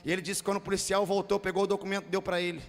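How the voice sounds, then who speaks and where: A man with a Brazilian Portuguese accent preaching a sermon as pastor, moving from told stories to shouted, half-sung preaching. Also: high-pitched, level tone, very fast, long reverb tail. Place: large church hall.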